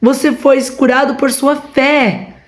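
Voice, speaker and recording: A woman's voice: high voice, steady tone, takes it slowly. A woman with a Brazilian Portuguese accent giving a fervent testimony from home, repeatedly calling her listeners brothers. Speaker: preacher. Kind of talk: emotional testimony to a congregation.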